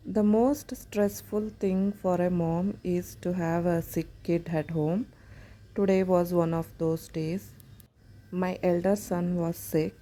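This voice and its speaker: Woman, South Indian accent, thirties, slow pace, mellow relaxed tone, medium pitch, casual vlog narration. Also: rough recording. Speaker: home vlogger.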